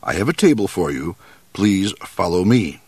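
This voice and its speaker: A man voicing a big, calm, formal moose in a storybook, speaking slowly and gravely. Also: deep voice, no echo. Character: big, calm, lordly male blue moose.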